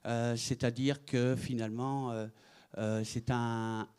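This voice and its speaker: Slow, halting man with a smooth voice. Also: mid-range voice, flat delivery, darkish tone. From France. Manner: hesitant, many fillers and restarts. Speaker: artist giving a talk. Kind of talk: conference presentation.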